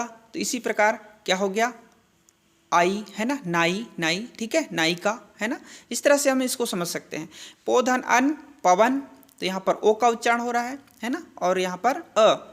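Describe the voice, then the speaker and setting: A woman's voice: medium pitch, fairly bright tone. A woman teaching a grammar lesson, asking questions and answering them herself, with frequent check-ins to her listeners. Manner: slow, deliberate spelling-out of sounds. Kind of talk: classroom-style grammar lesson.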